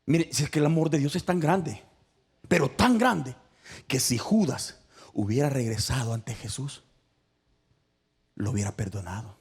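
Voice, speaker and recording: A man preaching a passionate sermon as pastor, rising to loud high cries and dropping to near-whispers. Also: animated, a little slow, pauses often, breathy edge.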